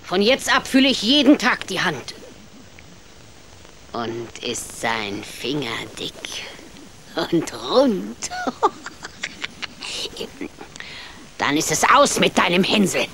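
A woman's voice: medium pitch, sing-song, normal speed, few pauses, noisy background. An actress playing a cruel, greedy, half-blind old witch in a radio play, cackling and taunting, sometimes dropping to sly whispers.

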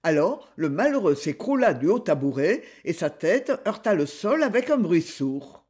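A man reading a crime novel aloud as an expressive storyteller. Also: high voice, moderate pace, slightly rough. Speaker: audiobook narrator. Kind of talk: scripted narration.

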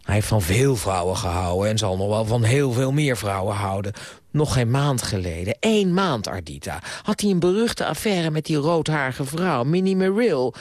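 A man's voice: medium pitch, lively intonation, moderate pace, dry recording, natural voice. A pompous grey-haired uncle, played by a male reader who lectures like a man of the world. His voice rises and falls widely as he preaches, recorded dry and close. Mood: stern. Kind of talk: radio play reading.

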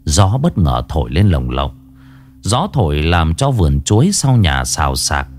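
A man's voice: rumbling low, very animated, a little slow, soft background music. A man narrating a ghost story in a dramatic, ominous storytelling manner. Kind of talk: scripted horror story narration.

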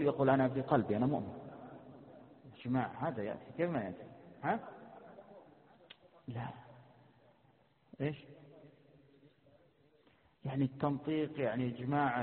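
Man quizzing students, tinny hall recording. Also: mid-range voice. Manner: quizzes students, repeats questions, mixes colloquial and formal. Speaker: sheikh teaching a creed class. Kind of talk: classroom lesson with questions to students. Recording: tinny phone-like lecture recording in a reverberant hall.

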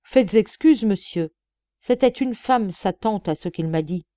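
A woman voicing an eager young male prison guard who gives loud, dutiful answers. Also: mid-range voice, expressive, a little slow, no room sound, lightly acted.

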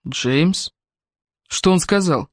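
A man's voice: a little high, very slow, no room sound, studio quality. Man reading an insistent, hot-tempered lover. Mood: pleading. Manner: insistent, demanding.

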